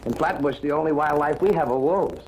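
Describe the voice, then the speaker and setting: An actor playing a sarcastic ex-cop private detective with a Brooklyn accent, in 1940s film acting with a breezy, wisecracking delivery. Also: male voice, fairly high pitch, fairly quick, darkish tone, lightly acted, low-quality recording. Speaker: private investigator. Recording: old film soundtrack with faint hiss.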